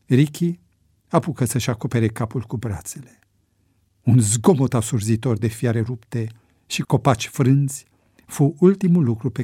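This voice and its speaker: A man narrating an adventure story in a measured, dramatic audiobook reading. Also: medium pitch, warm tone, husky, dry recording, studio quality.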